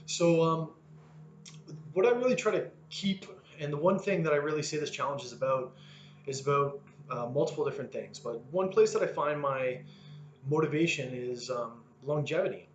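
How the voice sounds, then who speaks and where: A man's voice: mid-range voice, moderate pace, echoey room, highs cut off, a little hiss or hum. A man in his thirties talking earnestly about his motivation in a casual, rambling monologue full of restarts. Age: 30s. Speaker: fitness vlogger.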